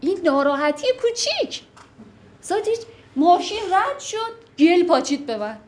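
A middle-aged woman explaining classic poems in a lecture, reciting verses slowly and acting out small everyday scenes with quoted voices. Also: very high-pitched, sing-song. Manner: acts out little scenes with quoted voices, swinging between hushed and loud. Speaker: teacher explaining Persian poetry.

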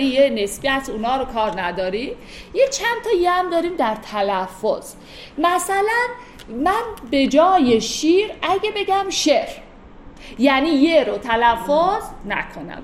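A woman explaining classical poetry in a casual, lively lecture, speeding up into wry asides. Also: high-pitched. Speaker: teacher explaining Persian poetry. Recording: echoey room, faint ambient noise.

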